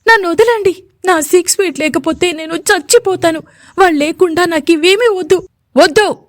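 Picture a young heroine in love, crying as she talks, her lines broken into short, trembling pleas, as a woman storyteller puts her on. Her voice sits high above the narration and sounds dry and close. It comes from a spoken audio love story. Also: steady tone, normal speed, darkish tone, dry recording. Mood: frantic pleading. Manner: trembling, pleading, breaks into short phrases.

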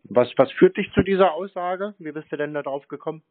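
A scam-baiter talks casually on the phone in a slightly high voice, a little fast, staying unruffled while dryly needling the other person. His manner is nonchalant and unfazed. The audio is dry and narrow, like a telephone line, with no echo.

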